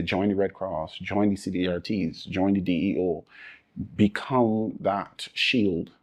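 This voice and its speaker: Barbadian man, interview guest, very low voice, husky tone, measured and earnest. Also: a little mellow. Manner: measured, listing points in layered repetition. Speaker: interview guest, disaster resilience advocate.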